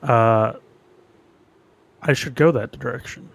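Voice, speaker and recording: A man talking casually and haltingly as a player in a tabletop role-playing game. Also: medium pitch, creaky.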